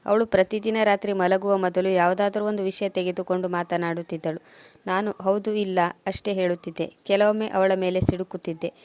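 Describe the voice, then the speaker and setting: A woman reading a first-person story as scripted narration, at a steady, even pace. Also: medium pitch, fairly quick, dry recording.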